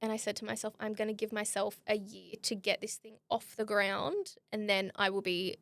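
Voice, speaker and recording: Give me a woman host with a raspy, fried edge, chatting in a dry, close recording. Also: mid-range voice, moderate pace, no echo. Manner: lively storytelling, acting out what people said. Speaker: podcast host. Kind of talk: casual interview chat.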